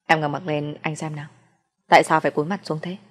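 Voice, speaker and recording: A woman voicing a young man, a gentle boyfriend who teases and comforts in a soft, reassuring way. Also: sits low, flat delivery, fast, long reverb tail. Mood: coaxing.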